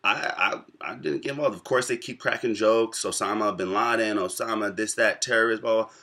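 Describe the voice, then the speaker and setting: A young American man in his twenties talks straight to his viewers, recounting a personal story. His voice sits low and comes out with a forceful edge. He pauses often between thoughts as he works through what he wants to say. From United States. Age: 20s. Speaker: vlogger. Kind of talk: casual storytelling to camera.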